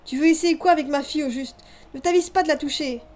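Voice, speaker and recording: Brief: woman playing a firm, protective stepdad, high voice, muffled lo-fi sound with music. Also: fast talker, darkish tone, natural voice. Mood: stern. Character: protective stepfather, stern then gentle. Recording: dull lo-fi with music behind.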